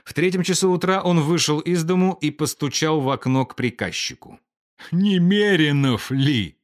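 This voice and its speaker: A man reading a story aloud with a lively, dramatic delivery. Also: fairly high pitch, fairly quick. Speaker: narrator.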